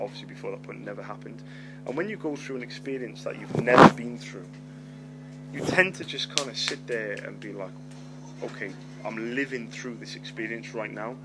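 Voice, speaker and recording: Heavy background noise and loud music surround a middle-aged podcast host as he tells a story in a lowish voice. He speaks with a lisp and a stammer, curses freely, and repeats words.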